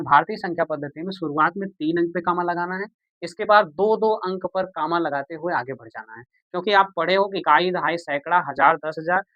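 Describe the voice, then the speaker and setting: A man's voice: sits high, pushed and bright, no room sound, lo-fi sound. A man teaching a maths lesson, patient and repetitive, who asks the viewers questions and answers them himself. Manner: patient, repeats steps, calls viewers "beta" and "bhaiya".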